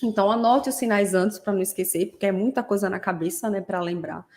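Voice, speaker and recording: A woman hosts a podcast and explains her subject in a relaxed, conversational way. She keeps checking in with her listeners through tag questions and briefly acts out examples. Her voice sits in a middle pitch range. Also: fast talker. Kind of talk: casual explanatory podcast talk.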